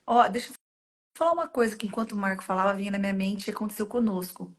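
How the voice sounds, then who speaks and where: A woman's voice: mid-range voice, racing. A woman hosting a faith-based conversation, telling stories earnestly and making heartfelt direct appeals to the listener. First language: Portuguese. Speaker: host.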